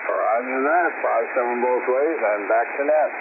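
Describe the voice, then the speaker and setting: A man's voice: medium pitch, normal speed, narrow, tinny audio. A man making a contact on an amateur radio net, heard through shortwave radio static, hesitant with many fillers as he reads call signs phonetically. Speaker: ham radio operator checking into a net.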